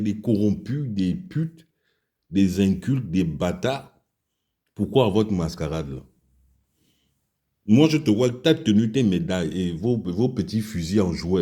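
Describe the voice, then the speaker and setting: A man's voice: fairly low pitch, dark tone, breathy edge. A man from Gabon with a Gabonese French accent, telling an angry, crude personal story and speaking out against the country's leaders. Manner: heated, crude, repetitive storytelling. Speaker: commentator.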